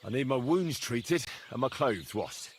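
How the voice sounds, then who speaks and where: An actor playing a brash, blunt young adventurer in a medieval video game. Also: male voice, medium pitch, sing-song, measured pace, a little hiss or hum. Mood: businesslike. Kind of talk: video game role acting.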